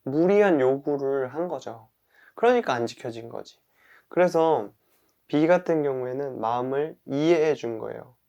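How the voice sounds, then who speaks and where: A man teaching about caring for one's own mind, calmly explaining with everyday examples and sometimes dropping into a soft murmur for gentle self-talk. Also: mid-range voice, moderate pace, dull audio. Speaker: mind-body wellness instructor.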